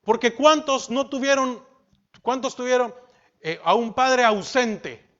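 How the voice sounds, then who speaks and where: A man preaching a sermon as pastor, asking the congregation questions and dropping from loud emphasis to soft. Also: very high voice, measured pace, highs cut off.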